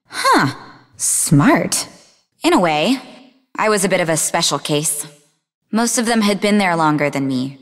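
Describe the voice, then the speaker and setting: An actress voices a sarcastic, defensive young woman in a video game, an idealistic martial-arts student and researcher. Her medium-pitched delivery is snarky, conversational and emotionally expressive with an earnest mood, and a long reverb tail trails the audio.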